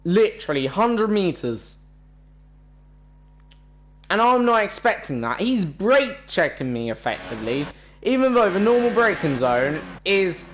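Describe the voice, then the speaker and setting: A British man, a gamer and video creator, grumbles his way through a racing game in casual, exasperated commentary. His voice is high, swings widely in pitch, and runs a little slow. Racing car noise from the game's engine sits behind him.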